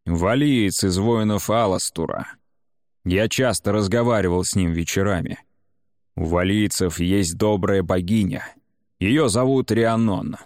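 A man's voice: low-pitched, darkish tone, no room sound, studio quality. A man voicing a grim, grieving warrior chief. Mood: earnest. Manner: grim, slow and determined.

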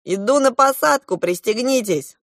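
A woman's voice: mid-range voice, very animated, takes it slowly, dry recording, studio quality, voice pushed up. A woman reading a storybook aloud and voicing a bad-tempered goose pilot who barks out announcements. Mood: gruff. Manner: barked announcements.

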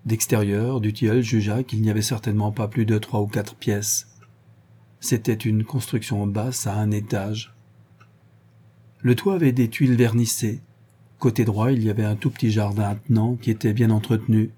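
A man reading an audiobook in an even, measured narration. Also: on the low side, breathy edge. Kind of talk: scripted narration.

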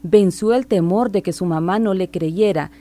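A woman narrates a radio report in a measured, formal read. Her voice sits low and sounds mellow and warm. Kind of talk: scripted news narration.

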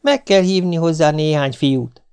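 A man's voice: on the high side, a little mellow, smooth, pitched above the performer's own voice, natural voice. Dry unbothered mom who keeps writing while kids riot, read by a man, audiobook. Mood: matter-of-fact. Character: calm unflappable mother, middle-aged woman writer.

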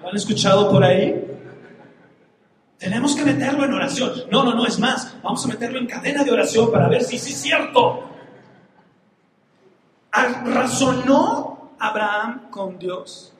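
A man delivers a sermon in a notably high voice. He talks in an animated way, throwing rhetorical questions at the congregation. The sound rings with the long echo of a large hall. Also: unhurried, pauses often. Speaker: preacher. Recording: echoey hall, faint background noise.

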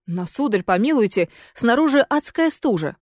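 A woman voicing a shrill pleading ghost lady. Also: very animated, moderate pace, no echo, clean studio sound. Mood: warning. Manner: shrill and imploring. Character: pleading ghost lady of a manor, haughty then desperate. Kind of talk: audiobook character voice.

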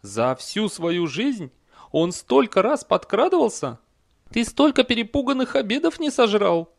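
A man's voice: high-pitched, big pitch swings, measured pace, gravelly, pitched above the performer's own voice, full character voice. A man voicing a sardonic old female horse in an audiobook, skeptical and chatty. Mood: mocking.

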